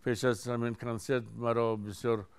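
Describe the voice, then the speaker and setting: A man's voice: medium pitch, little pitch movement, clear, resonant tone. Resonant-voiced Tajik man in his seventies. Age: 70s. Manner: unhurried storytelling with frequent restarts. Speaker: singer. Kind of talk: recounting stories in an interview.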